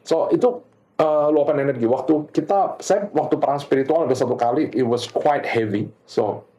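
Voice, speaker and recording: A middle-aged man giving a faith testimony in casual conversation, earnest and animated, laughing as he tells stories and switching often between two languages. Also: medium pitch, normal speed.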